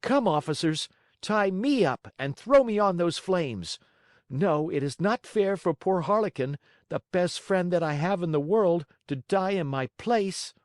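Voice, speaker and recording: Small wooden puppet boy, as a man puts him on, high and piercing, brave and earnest; dry, close recording. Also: animated, unhurried, dry recording. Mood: pleading.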